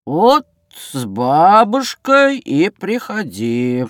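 A man's voice: high-pitched, wildly swooping pitch, extremely slow, clean tone, dry recording, clean studio sound, full character voice. An actor playing a lazy mustached kiosk seller in a children's story, who drawls his words and teases in sing-song rhymes. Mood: teasing. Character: lazy mustached kiosk seller, middle-aged man, rhyming joker.

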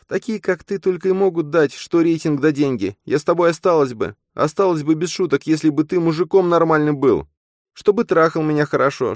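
A man's voice: on the high side, no echo, studio quality, voice pushed up. A man voicing a furious, scornful young woman who scolds her fiancé, in an audiobook. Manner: shouting, contemptuous, scolding. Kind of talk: audiobook character voice.

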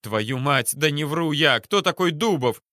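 A man voicing a blustering police captain who turns shrill and pleading, in an audiobook. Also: animated, unhurried, bright, forceful tone, dry recording, clean studio sound.

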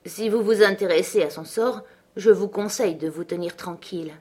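A surly, rough young farmhand, as a woman reading a novel puts him on. He answers gruffly and defiantly, read in a plain storybook manner. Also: mid-range voice, normal speed, mellow, natural voice.

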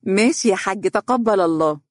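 A man voicing a cheerful young bride-to-be with an Egyptian accent, in a raised, lively voice. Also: medium pitch, brisk, no room sound, studio quality, voice pushed up, close to an everyday voice. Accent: Egyptian Arabic.

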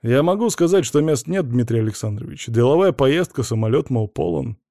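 A man's voice: mid-range voice, animated, a little fast, creaky, dark tone, dry recording. Sly, wheedling business partner, read by a male narrator, dry close sound. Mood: ingratiating. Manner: wheedling, cautious. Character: wary male business partner on the phone, ingratiating.

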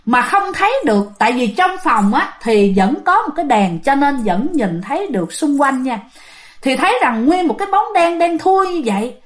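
A woman's voice: high-pitched, big pitch swings, moderate pace. A woman telling a ghost story, chatty and talking straight to her listeners. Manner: chatty, addresses listeners directly.

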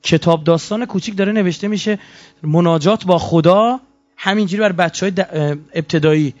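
A man lectures to an audience in a story-telling way. His voice sits a little high, and he acts out the quotes with lively swings. The recording is muffled and lo-fi. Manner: animated storytelling with acted-out quotes. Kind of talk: anecdotal lecture. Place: lecture hall.

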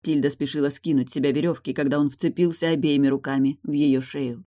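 A woman reading a novel aloud as an audiobook narrator, steady and even. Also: sits low, fast. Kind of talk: scripted narration.

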